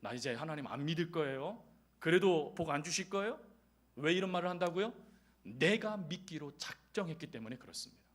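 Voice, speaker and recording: A man with a notably high voice delivering a church sermon. He presses his points with rising rhetorical questions, then drops to soft, almost whispered phrases. His delivery is earnest and pastoral. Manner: emphatic preaching with rhetorical questions, dropping to hushed lines.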